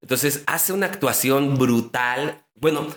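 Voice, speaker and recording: A man's voice: medium pitch, measured pace, fairly bright tone. Chilango man, slangy and keen. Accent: chilango Mexico City Spanish. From Iztapalapa, Mexico City. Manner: enthusiastic, slangy, explaining. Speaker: podcast co-host. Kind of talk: casual podcast chat.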